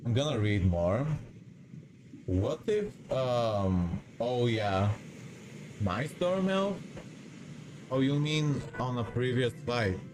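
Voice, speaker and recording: A man's voice: medium pitch, very animated, takes it slowly, pauses often, background noise. A man from Bulgaria, live streaming a game and chatting in a hesitant, rambling way as he reads the chat aloud. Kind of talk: casual live-stream chat while gaming.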